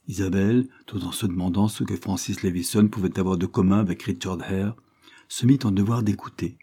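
A man narrates a classic novel in a measured, dramatic storytelling manner. His voice sits low and sounds husky. The tone is dark and mellow. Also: fairly even intonation. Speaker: audiobook narrator. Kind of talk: scripted narration.

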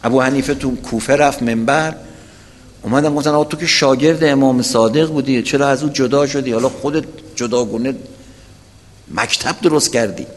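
At a weekly religious gathering, a man preaches through storytelling and speaks directly to his listeners with rhetorical questions. His medium-pitched voice has a big-room sound.

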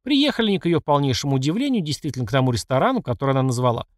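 A man reading an audiobook narration in an expressive, wry way. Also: medium pitch, racing, dry recording, clean studio sound. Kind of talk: scripted narration.

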